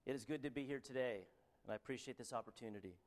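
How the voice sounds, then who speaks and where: A man with a Canadian accent preaches a sermon and reads scripture at medium pitch. He is earnest but halting, with frequent ums and restarts.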